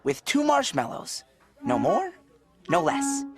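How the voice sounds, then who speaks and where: Gentle, cheerful cartoon octopus. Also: male voice, high-pitched, very animated, unhurried. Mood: kind. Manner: cheerful, kind and patient. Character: friendly, gentle young male octopus. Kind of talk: cartoon voice acting. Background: cartoon music.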